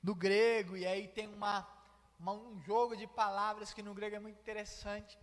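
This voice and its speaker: A man's voice: sits high, flat delivery, moderate pace. A Brazilian man preaching a sermon in a church, explaining a text and acting out its dialogue, with a Brazilian Portuguese accent. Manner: explanatory, acts out quoted dialogue. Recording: reverberant church hall.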